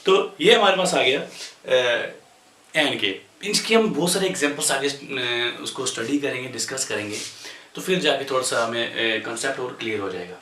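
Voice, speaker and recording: A man from India teaching an English grammar lesson to a class, explaining slowly with many pauses and fillers and mixing English terms into his talk. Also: mid-range voice, pushed and bright, slight background noise. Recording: roomy echo, voice from a distance.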